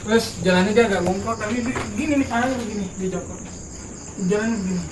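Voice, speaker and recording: Young person on a night ghost hunt, slangy talk, halting n repetitive, echoey w loud crickets. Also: medium pitch. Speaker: spirit-sensing guest on a ghost hunt. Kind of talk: casual night vlog chat. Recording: echoey, distant, noisy night recording. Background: crickets and insects.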